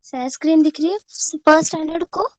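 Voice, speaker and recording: A woman teacher giving an online class, drilling syllables one by one in a slow, drawn-out way. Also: sits high, no room sound, lo-fi sound.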